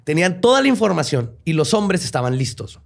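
A man's voice: on the high side, sing-song, fairly quick, creaky. A man with a Mexican accent, hosting a podcast and telling a history story casually, full of slang, swearing and jokey asides. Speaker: podcast host narrating history.

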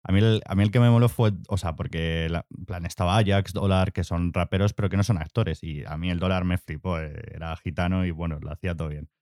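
A man's voice: low voice, steady tone, fast, hardly any pauses, a little mellow, no echo, studio quality. A young man co-hosting a podcast, telling a rambling story full of fillers and swearing in casual chat. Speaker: podcast co-host.

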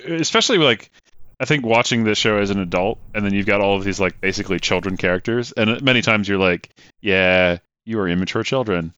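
A man's voice: fairly low pitch, fast, sharp tone, clean tone, dry recording. A man co-hosting a podcast, chatting reflectively and letting his sentences trail off, on a slightly dull lo-fi mic. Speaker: podcast co-host. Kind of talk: casual chat.

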